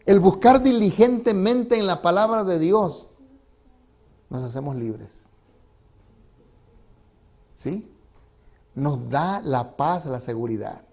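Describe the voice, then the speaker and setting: A man's voice: fairly high pitch, a little mellow. Emphatic male pastor preaching. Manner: emphatic, rising and falling delivery. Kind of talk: sermon. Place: church.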